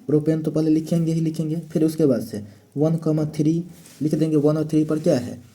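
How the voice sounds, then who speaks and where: A man's voice: a little high, steady tone, fairly quick, mellow. A man teaching a chemistry lesson step by step, asking questions and answering them himself. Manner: step-by-step explaining, asks and answers his own questions. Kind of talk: classroom lecture.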